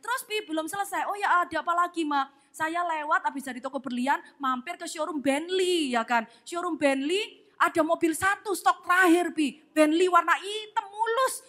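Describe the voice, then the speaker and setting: A woman's voice: very high-pitched, normal speed, a bit bright. A woman pastor from Indonesia preaching a humorous sermon, acting out husband-and-wife dialogues with playful voices in a church sanctuary.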